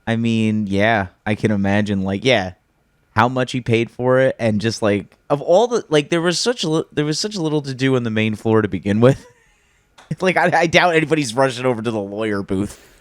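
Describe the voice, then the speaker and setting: A man co-hosting a comedy chat, relaxed and reacting with easy banter. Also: medium pitch, moderate pace, no room sound. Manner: laid-back, reacting. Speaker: comedy show co-host.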